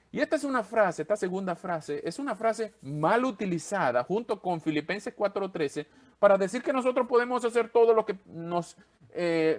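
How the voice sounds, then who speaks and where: A man preaching a sermon as pastor, expressive and acting out the voices he quotes. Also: on the high side.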